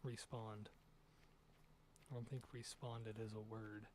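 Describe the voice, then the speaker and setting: A man's voice: medium pitch, steady tone, moderate pace, darkish tone, a little hiss or hum. A young man streaming a hunting game, giving casual, rambling commentary as he thinks aloud over his shots.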